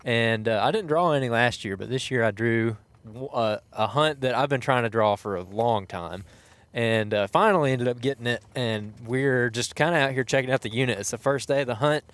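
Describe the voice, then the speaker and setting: A man hosts a casual podcast from inside a truck. His voice sits at a medium pitch, and he talks in a conversational, unscripted way. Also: fairly quick, fairly bright tone, dry recording. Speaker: podcast host. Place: inside a truck being driven.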